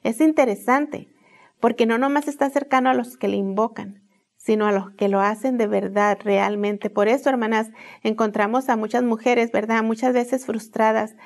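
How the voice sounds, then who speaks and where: A woman's voice: fairly high pitch, steady tone, moderate pace. A middle-aged woman, giving an earnest devotional talk to women, repeating phrases and often asking "¿verdad?" to draw in her listeners. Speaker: women's ministry teacher.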